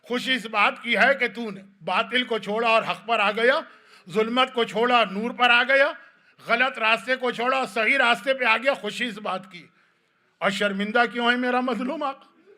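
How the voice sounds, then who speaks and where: A man's voice: very high-pitched, fairly even intonation, sharp tone. A man as religious scholar, giving a mourning sermon in a mosque with emotional storytelling, his voice rising and sinking. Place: mosque hall.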